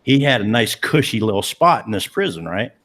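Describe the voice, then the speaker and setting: A man with a low voice and a drawl tells a spooky story at an easy pace. He is laid-back and loose, and fills his sentences with "you know" and "like". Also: sing-song, fairly quick, fairly bright tone. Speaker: paranormal investigator. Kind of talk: casual storytelling.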